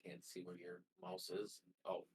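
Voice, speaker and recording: A man's voice: deep voice, monotone, measured pace, husky, low-quality recording. A man playing a tabletop game, talking through his moves in a plain, slightly hesitant way. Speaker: player.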